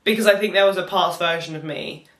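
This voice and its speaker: A woman's voice: lowish voice, quick pace, a bit bright. A young British woman chatting casually to camera, candid and rambling, dropping "like" into her sentences as she recounts her experience. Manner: rambling, candid, frequent filler "like". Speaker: vlogger. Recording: roomy echo.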